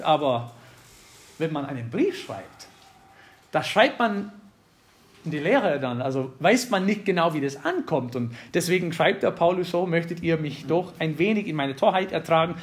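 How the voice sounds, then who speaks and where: High-voiced man preaching casually. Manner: conversational, jokes with the congregation. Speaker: pastor. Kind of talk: sermon.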